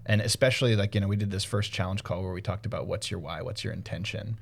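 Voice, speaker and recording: A man's voice: on the low side, fairly even intonation, fast, vocal fry. A man hosting a casual podcast, talking in an earnest, reflective way and sometimes losing his thread. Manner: earnest, reflective, loses his train of thought. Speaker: podcast host.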